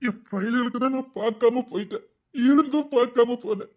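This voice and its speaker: A man's voice: high voice, a bit bright. A man playing a guilt-ridden, tender husband. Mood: tearful. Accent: Tirunelveli Tamil. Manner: anxious, pleading, cries and slows when upset. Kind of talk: web series family drama.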